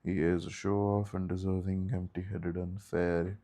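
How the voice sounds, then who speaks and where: A man's voice: sits low, little pitch movement, normal speed, dark tone. A man reading a textbook aloud in a study session, stopping now and then for short asides. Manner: reads steadily, breaks off for short asides. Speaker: study group leader.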